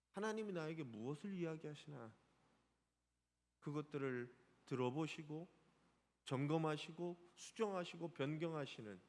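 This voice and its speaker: A man with a slightly high voice preaches a Sunday sermon as pastor of a church, the sanctuary giving a big-room sound. Animated, he puts questions to the congregation.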